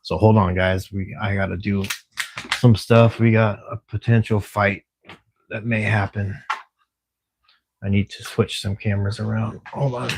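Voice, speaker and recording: Slight background noise sits under this man's lowish, flat, slightly slow delivery. A livestreamer from Texas working a camera security shift, he rambles amiably over viewer comments with many fillers.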